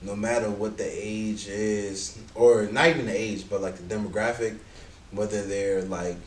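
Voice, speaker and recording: A man's voice: on the low side, fairly even intonation, normal speed. A man who teaches middle school, talking casually on a podcast in a laid-back, rambling way and swearing freely. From New York. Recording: roomy, distant mic with faint noise.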